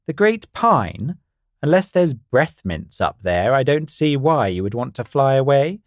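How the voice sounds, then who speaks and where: A prim, well-read bird, voiced by a man reading a storybook. He is sarcastic and mocking, pitched above the reader's own voice. Lively and close, with a dry sound. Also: measured pace, no echo.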